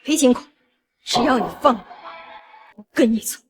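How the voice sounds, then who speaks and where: A woman's voice: high voice, brisk, crowd noise, lightly acted. An actress playing an earnest, self-sacrificing young woman in a fantasy drama, pleading with solemn emotion. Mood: resolute pleading. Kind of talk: Chinese fantasy short-drama acting.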